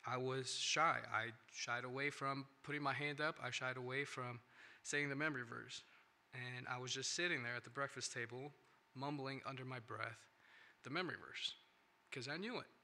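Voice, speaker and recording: A young Indian man with a bright, mid-range voice speaks at a moderate pace and steady tone while giving a church testimony. A non-native English speaker, he talks into a handheld or stand mic. He's earnest, drifting through his story with restarts and "right?" tags.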